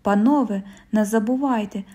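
A woman voicing a stern middle-aged male police commissioner, questioning in a formal, measured way. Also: mid-range voice, warm tone, lightly acted.

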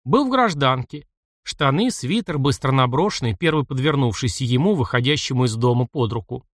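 Lively, expressive male audiobook narrator. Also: medium pitch, a little fast, dry recording, clean studio sound.

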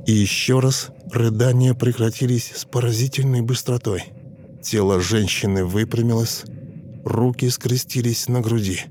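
A man narrating a dramatic audiobook in a measured, theatrical manner. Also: mid-range voice, steady tone, slight background noise. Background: soft music.

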